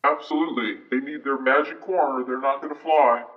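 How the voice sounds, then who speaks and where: A man playing a kindly old Santa Claus, answering interview questions in a gentle, reassuring, fatherly way. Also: mid-range voice, steady tone, fairly quick, lightly acted. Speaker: interview guest. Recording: dull archived clip, distant mic.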